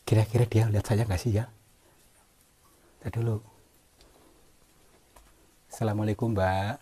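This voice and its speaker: A man talks softly and apologetically inside a cave, stumbling over fillers and apologies. His voice is dark and mellow, slightly husky, and sits low. The recording is an on-location vlog. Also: little pitch movement, moderate pace. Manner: hesitant, apologetic, many fillers. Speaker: cave-exploring vlogger. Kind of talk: hushed polite on-location talk.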